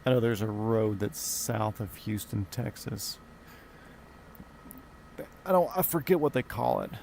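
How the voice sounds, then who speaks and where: A man's voice: fairly low pitch, expressive, unhurried, gravelly, darkish tone, slight background noise. A man streaming a flight simulator, chatting casually in a rambling, profane, offhand way from his home gaming room at a desk mic. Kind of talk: casual live-stream chat.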